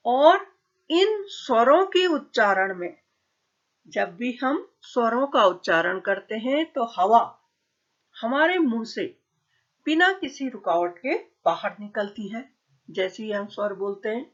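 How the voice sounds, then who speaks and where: A woman teaching a grammar lesson at a slow, deliberate pace, in a somewhat high voice. She asks questions and answers them herself, and the recording sounds dull and lo-fi. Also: lively intonation. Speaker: school teacher.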